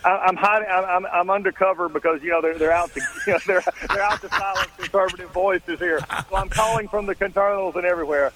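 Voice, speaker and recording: Male radio caller, rapid and emphatic, somewhat high voice, heard over a dull tunnel-like phone line from a parked car. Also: steady tone, background noise. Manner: fast, emphatic, frequent restarts. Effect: muffled phone line that sounds like he is in a tunnel. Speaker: radio show guest calling in. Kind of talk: political radio call-in. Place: car stopped at the roadside.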